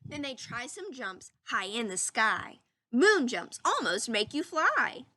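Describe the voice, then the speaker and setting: In clean, studio-quality audio with no room sound, a woman with a fairly high voice reads a picture book aloud like an animated teacher. She elongates words and breaks off to put questions to the children listening.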